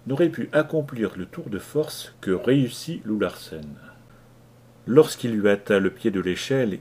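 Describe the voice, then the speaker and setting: Husky low-voiced male reader. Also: a little mellow. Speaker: audiobook reader. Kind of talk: scripted narration.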